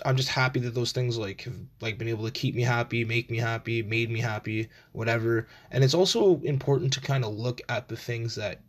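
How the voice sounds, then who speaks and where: Man in his twenties, medium pitch, casual rambling podcast host, meandering informal asides. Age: 20s. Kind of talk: casual rambling solo chat.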